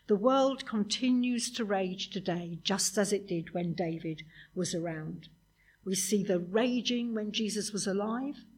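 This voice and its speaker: Woman preacher, breathy, conversational sermon delivery. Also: mid-range voice. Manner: conversational, with rhetorical questions.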